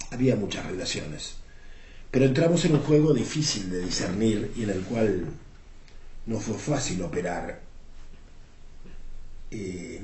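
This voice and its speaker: An interviewee in his seventies, speaking Argentine Rioplatense Spanish, recounts political history in a reflective, unhurried storytelling style, often pausing on the filler "este." His voice is fairly low and warm. The room sounds roomy, with faint background noise.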